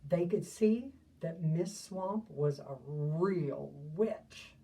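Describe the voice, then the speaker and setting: Slow, gentle woman reading a storybook. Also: lowish voice, far from the mic. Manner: slow, gentle, asides to young listeners. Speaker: storybook reader. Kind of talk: reading a picture book aloud to children.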